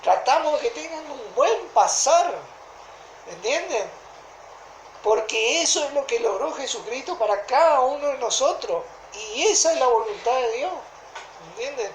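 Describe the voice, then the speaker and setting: A woman with a Rioplatense Argentine accent preaching a sermon in a deliberate way, often stopping to ask whether listeners follow. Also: sits high, a little hiss or hum. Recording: echoey room.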